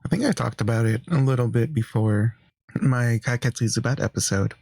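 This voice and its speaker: A man's voice: medium pitch, brisk, gravelly, darkish tone, no echo. A man giving joking, casual reaction commentary as an online video host. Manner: joking, wisecracking.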